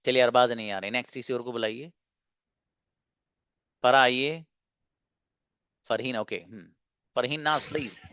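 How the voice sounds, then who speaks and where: A man's voice: medium pitch, fairly even intonation, unhurried, long pauses, a bit bright, clean tone, no room sound. A man teaching an online English class, drilling example sentences and asking and answering his own questions.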